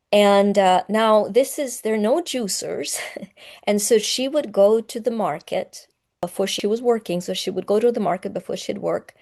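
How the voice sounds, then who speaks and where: A woman's voice: mid-range voice, darkish tone. A woman in her fifties, from Ukraine, telling personal stories as a podcast guest in an earnest, heartfelt way. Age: 50s. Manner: earnest and heartfelt, choking up at times. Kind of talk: emotional personal storytelling.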